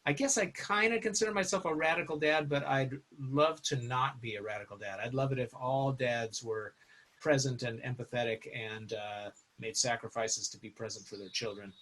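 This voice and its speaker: A man's voice: medium pitch, moderate pace, fairly bright tone. A middle-aged man chatting casually as a podcast guest, rambling and laughing often. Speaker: guest musician. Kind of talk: casual interview chat.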